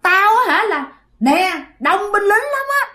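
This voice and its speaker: A woman's voice: big pitch swings, unhurried, bright, forceful tone, exaggerated voice. A woman voicing a defiant, taunting old woman ghost in a spoken ghost story. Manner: shrill, mocking, bossy.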